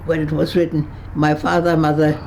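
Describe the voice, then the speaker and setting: A Berlin-born woman over one hundred recalls her past in an interview at her kibbutz home, halting and searching for words with many restarts. She laughs easily and has a dry humor. Her voice is deep, level and a little mellow, with some hiss or hum on the recording.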